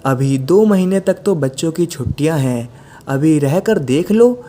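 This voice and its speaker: A man's voice: fairly high pitch, takes it slowly. A man doing a cheerful, coaxing father. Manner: coaxing, relaxed. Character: cheerful easygoing father of two.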